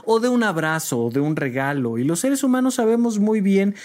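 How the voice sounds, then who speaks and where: A man with a Mexican accent, a doctor giving advice in an expressive, conversational way. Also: high voice, a little fast. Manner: conversational and expressive, acts out talking to children. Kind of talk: casual advice talk.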